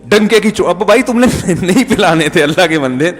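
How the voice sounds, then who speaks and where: Middle-aged Pakistani Urdu-accented male preacher, anecdotal and jokey, fairly high voice, long hall reverb. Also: animated, soft background music. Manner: jokey storytelling, acts out dialogue. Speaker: Islamic preacher. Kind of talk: conversational sermon with anecdotes.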